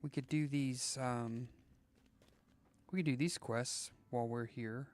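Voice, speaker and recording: A man's voice: medium pitch, steady tone, slow. Rambling man streaming a game. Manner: rambling, joking, thinking aloud with many restarts. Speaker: live streamer. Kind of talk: casual live game-stream commentary.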